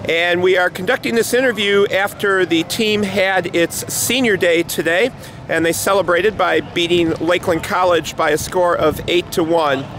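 A man's voice: sits high, moderate pace, a bit bright, a little hiss or hum. A man interviewing a tennis coach after a match, asking questions with frequent hesitations, recorded outdoors off camera. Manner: hesitant, many uhs. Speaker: sports interviewer. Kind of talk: postgame interview.

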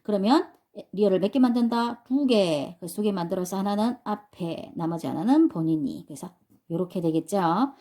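Woman teacher, slow and patient, keeps asking "got it?", warm mellow tone. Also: mid-range voice, animated. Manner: patient, repeats and asks the class questions. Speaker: English teacher for adult learners. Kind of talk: step-by-step classroom explanation.

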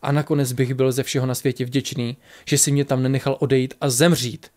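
A loyal male archer in a fantasy storybook speaks with sad, steady calm, as a man reads him. His voice sits at an ordinary middle pitch. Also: natural voice. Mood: resolute.

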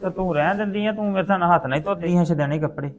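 A man playing a caring widowed father who talks to his daughter in a gentle, coaxing way in a web series drama. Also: high-pitched, rapid-fire, natural voice.

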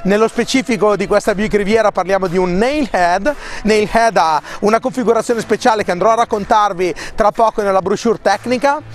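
A man's voice: high-pitched, a little fast, soft background music. A man in his fifties presenting a classic car, talking with passion in a chatty, rambling way. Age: 50s. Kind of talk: enthusiastic on-site car commentary.

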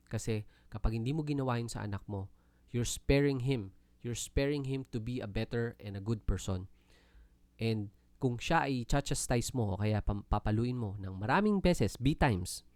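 A man's voice: fairly low pitch, darkish tone, no room sound. A Filipino man with a Filipino accent giving an earnest, polite Bible teaching talk in mixed Tagalog and English. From Philippines. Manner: earnest, polite, often uses "po" and "no?".

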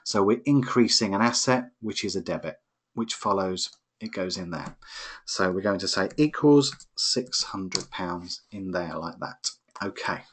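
A man's voice: deep voice, expressive, unhurried, fairly bright tone, husky. Patient man teaching accounting. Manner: patient, explains step by step. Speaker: accounting tutor. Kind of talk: live online lesson. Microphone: computer microphone on a webinar.

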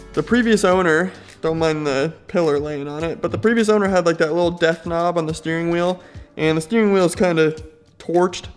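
A man casually vlogging a car build from his home garage, laid-back and slangy, thinking aloud with easy fillers. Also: on the high side. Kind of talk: casual chat to camera.

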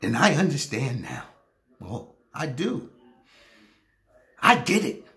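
A man in his fifties playing an anguished husband in a failing marriage, in a hammy, theatrical stage monologue with emphatic delivery and drawn-out pauses. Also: medium pitch, big pitch swings, sharp tone, exaggerated voice. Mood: rueful, resigned. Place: small plain room indoors.

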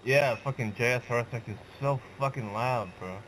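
A man's voice: mid-range voice, fairly quick, a bit bright, a little hiss or hum, poor audio. A drunk man swearing freely in casual game voice chat over a headset. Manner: loose, swears constantly. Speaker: gamer in squad voice chat.

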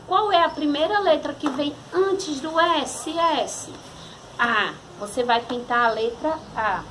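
A Brazilian woman teaches young children in a high, unhurried voice. She sounds out each syllable patiently, with a faint hiss of noise behind her. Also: fairly bright tone. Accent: Brazilian Portuguese. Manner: slow, patient, spells out syllables one by one. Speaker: primary school teacher. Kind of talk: recorded remote grammar lesson for young children.

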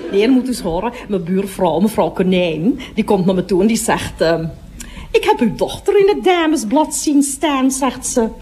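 A woman's voice: mid-range voice, big pitch swings, normal speed, warm tone, natural voice. An actress playing a gossipy middle-aged woman toilet attendant in a radio comedy monologue, chattering on and breaking off to speak to customers.

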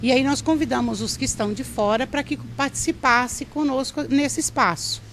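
A middle-aged craft association organizer speaks with a TV news reporter at an indoor craft fair, holding to a handheld mic and rambling with many false starts. Her high voice is fairly bright and fairly even in intonation, at a moderate pace, over slight background noise.

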